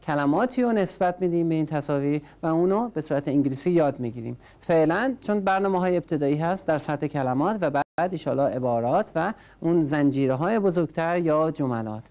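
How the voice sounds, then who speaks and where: A woman's voice: low-pitched, expressive, hardly any pauses, mellow. A woman teaching a language class, patiently drilling words by repetition and prompting each learner in turn. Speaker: English teacher.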